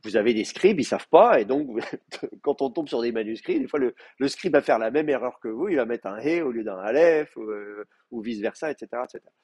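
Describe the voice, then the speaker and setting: Expressive and fairly quick, this husky, slightly mellow mid-range man lectures a university Hebrew class, explaining patiently with lots of fillers and restarts.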